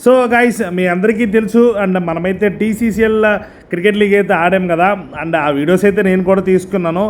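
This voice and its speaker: A man's voice: high-pitched, fairly even intonation, fairly quick, slight background noise. A man casually addressing his viewers as a vlogger, mixing in English words. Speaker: vlogger and amateur cricket player. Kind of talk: casual vlog introduction to viewers.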